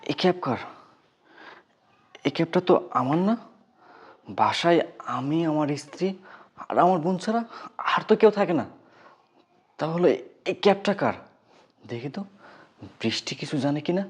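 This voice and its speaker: An actor playing a husband and protective brother who scolds and lectures at length. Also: male voice, a little high, lively intonation, moderate pace, pauses often, lightly acted. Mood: puzzled.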